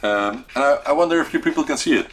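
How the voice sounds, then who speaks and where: A man's voice: a little high, lively intonation, quick pace, a bit bright, soft background music. A man with a Dutch accent hosting an unscripted livestream chat, hesitant and searching for words as he talks. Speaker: host of a weekly retro computing live show.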